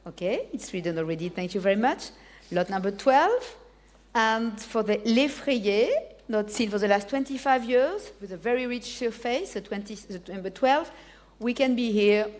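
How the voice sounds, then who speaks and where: A woman's voice: on the high side, animated, normal speed, darkish tone. A woman auctioneer with a French accent, a native French speaker, calling bids live, repeating figures and prompting bidders by name.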